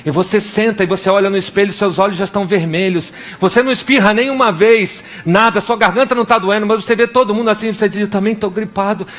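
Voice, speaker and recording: Delivering his sermon, this young pastor from Brazil speaks with a Brazilian Portuguese accent, lively and theatrical as he voices small scenes and prayers in different characters. His pitch sits high, and he moves at a quick pace with few pauses.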